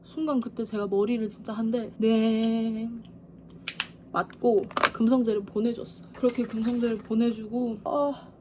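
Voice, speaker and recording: A young woman tells a story to her vlog audience in a fairly high voice. She is animated and acts out quotes, sometimes shouting and sometimes whispering. Faint noise sits under the recording. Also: measured pace. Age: 20s. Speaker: vlogger. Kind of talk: casual storytelling.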